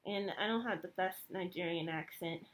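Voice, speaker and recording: A woman's voice: on the low side, normal speed. Reflective, hesitant woman in her thirties. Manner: reflective and hesitant, many fillers and restarts. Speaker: vlogger. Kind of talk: personal reflective monologue.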